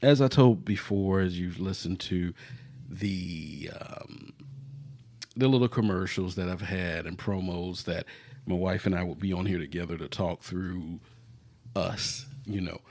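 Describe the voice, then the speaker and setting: A man's voice: deep voice, measured pace, darkish tone. A man in his forties hosting a casual podcast chat with his wife, easygoing and laughing often. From Florida, US. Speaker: podcast host.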